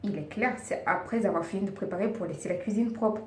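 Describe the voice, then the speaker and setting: This beauty and lifestyle vlogger talks fast at a medium pitch, earnestly coaxing her viewers, often "girls" to her, with casual beauty advice. English isn't her first language, so she sometimes searches for words. The sound is echoey and roomy, the mic distant, with faint hiss behind it.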